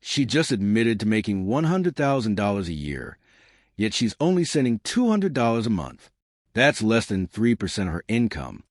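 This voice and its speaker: A man's voice: fairly low pitch, no echo, clean studio sound. A man narrating a scripted commentary with dramatic rhetorical questions.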